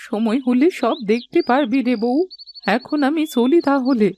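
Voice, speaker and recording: A woman voicing a gentle, magical old grandmother in a cartoon who speaks in an affectionate, folksy village way. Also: sits high, measured pace, a little hiss or hum. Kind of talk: cartoon voice acting.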